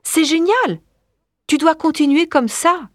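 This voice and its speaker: A woman's voice: high voice, expressive, slow pace, no echo, clean studio sound, voice pushed up. Nadia, a woman reading an eager teenage friend. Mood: encouraging. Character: warm, encouraging teenage schoolgirl friend.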